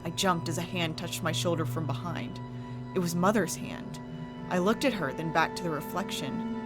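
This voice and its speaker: A low, haunting voice of a woman plays an earnest, troubled brother telling a gothic horror tale. The delivery is measured and drawn out, with clear music underneath. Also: natural voice. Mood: hushed dread. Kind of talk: dramatic first-person horror story narration. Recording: music behind the voice.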